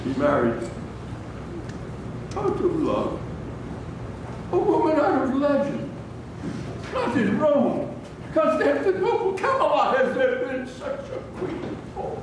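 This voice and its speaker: A man's voice: very high voice, wildly swooping pitch, slow pace, pauses often, exaggerated voice. King Henry, as a man acts him, aging and grandiose. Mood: wistful, proud. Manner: declamatory, theatrical. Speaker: stage actor. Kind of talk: theatrical monologue on stage. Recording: echoey hall from far off, noisy.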